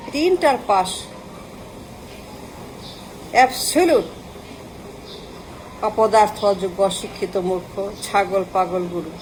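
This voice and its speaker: A woman's voice: mid-range voice, darkish tone, slight background noise, rough recording. A woman giving an impassioned political rant, firing off long lists of insults and mixing in English words. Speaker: political commentator.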